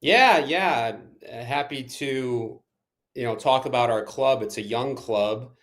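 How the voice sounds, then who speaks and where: A Ukrainian-born soccer club manager and coach answers interview questions emphatically, rushing through some phrases and slowing down on others. His voice is medium-pitched and a bit bright.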